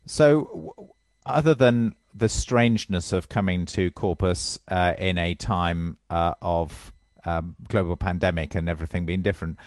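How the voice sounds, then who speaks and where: A low-voiced man leads an interview and asks his questions haltingly, full of fillers. The sound is dry and close, with no room echo. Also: darkish tone. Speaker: interviewer leading prayers.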